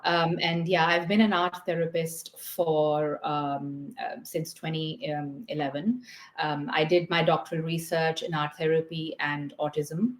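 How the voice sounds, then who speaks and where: A woman's voice: deep voice, flat delivery, measured pace, roomy sound. A woman from Pakistan, a guest art therapist on a video call, explaining her work thoughtfully and step by step, with many fillers along the way. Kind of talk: explanatory interview talk.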